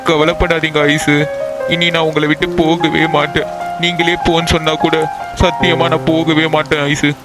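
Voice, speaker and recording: Guy voicing a devoted cartoon boyfriend, earnest and coaxing, a bit high voice, loud music behind. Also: level tone, moderate pace, lightly acted, poor audio. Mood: pleading. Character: devoted young man, earnest and pleading lover. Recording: loud background music over dialogue.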